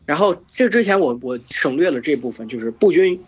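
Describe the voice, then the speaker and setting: A hoarse man hosting a podcast, retelling an epic in casual chat, full of fillers and restarts. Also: fairly high pitch, expressive, a little fast. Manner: rambling with many fillers and restarts. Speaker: podcast host retelling myths. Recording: dull lo-fi podcast recording with faint music.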